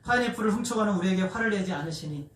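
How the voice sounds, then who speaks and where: A man's voice: sits high, lively intonation, racing, fairly bright tone. Man doing earnest puzzled villagers, questioning tone, echoey church, far from mic. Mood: earnest, curious.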